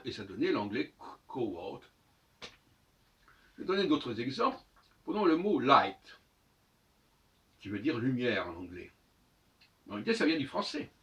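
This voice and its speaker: Picked up dully by a far-off microphone, this man teaches language and astrology in a monologue, drilling words through repetition to sound them out. His voice sits on the high side with a fairly bright tone.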